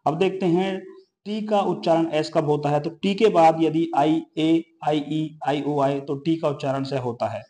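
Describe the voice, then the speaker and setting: A man's voice: on the high side, a little slow, warm tone. A man teaching an English pronunciation lesson, explaining each rule and then listing example words one by one.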